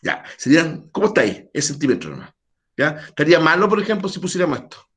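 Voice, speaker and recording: Lively man teaching math online. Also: on the high side, fast talker. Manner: quizzes students, chatty asides. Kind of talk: virtual math class.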